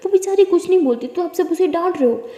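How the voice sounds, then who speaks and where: A bold young college girl, put on by a woman storyteller, defiant and protective. She pleads in a high, mellow voice. The room adds a long, roomy echo. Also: fairly quick. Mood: defiant pleading. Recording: echoey room with long reverb.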